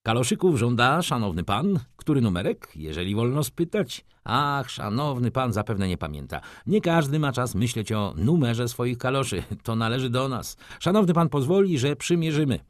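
A man's voice: medium pitch, very animated, moderate pace, few pauses, no echo, clean studio sound, pitched above the performer's own voice, close to an everyday voice. A man voicing a young foppish shop clerk who talks effusively and fawns over customers. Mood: fawning. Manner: effusive, obsequious salesman patter. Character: young foppish male shop clerk, fawning, fast-talking.

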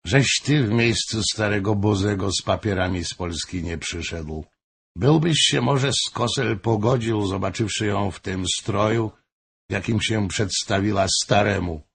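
A man reading an audiobook, voicing a jovial king who talks mockingly among friends, with a husky voice. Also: fairly low pitch, unhurried, heavily acted. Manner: mocking, chatty. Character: amused, jovial king, middle-aged man.

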